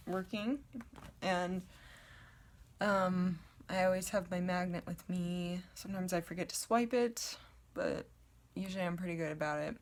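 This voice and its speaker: A young woman vlogging casually at home to a camera, with a low voice and a rambling, chatty way of talking full of ums. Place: at home, indoors in her apartment. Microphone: camera in front of her.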